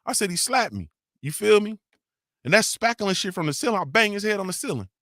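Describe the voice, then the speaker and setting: A brisk, animated man with a high-sitting voice and a pushed, bright tone hosts a morning show, reading comments in a relaxed live-stream chat. He curses often, tells stories in slang, and peppers everything with "you feel me." The studio recording is dry.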